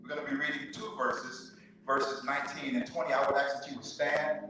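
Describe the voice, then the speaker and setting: A pastor from the southern United States preaches in a church sanctuary, telling stories and leading call and response. His medium-pitched voice is bright and forceful, fairly quick with little pitch movement, heard from afar in an echoey hall with slight hiss or hum.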